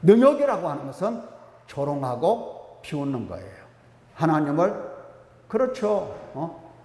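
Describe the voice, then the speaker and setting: High, lively-voiced preaching pastor man. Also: unhurried, roomy sound, big-room sound. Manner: emphatic preaching, rhetorical questions to the congregation. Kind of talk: sermon. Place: church sanctuary.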